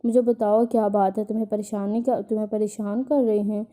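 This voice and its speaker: Voiced by a woman reading aloud, a tender middle-aged mother figure coaxes and gently scolds in a storybook. Her voice is very dark and mellow, and her pitch stays fairly flat and even. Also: close to an everyday voice.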